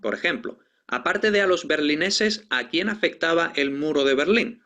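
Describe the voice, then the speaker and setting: A man's voice: on the high side, expressive, moderate pace, sharp tone. A man from explaining grammar usage in a lesson, often checking in with the listener. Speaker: teacher.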